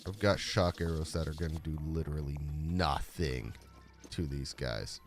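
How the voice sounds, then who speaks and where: A man streaming live gameplay, talking and rambling to his chat, with a deep, raspy voice from a rough throat. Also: moderate pace, soft background music. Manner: rambling, humming along while playing.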